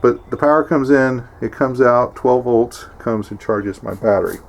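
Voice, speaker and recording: In a relaxed, down-to-earth vlog, a man who runs a homesteading channel demonstrates his homemade setup with folksy instruction. He speaks with a creaky, medium-pitched voice at a moderate pace.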